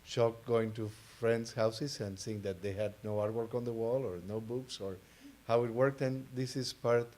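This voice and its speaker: A man's voice: medium pitch, fairly even intonation, normal speed, hardly any pauses, darkish tone. A man with an Argentine accent, a native Spanish speaker, speaking hesitantly and informally as a panelist. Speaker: panelist, art advisor. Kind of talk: informal panel talk, personal introduction.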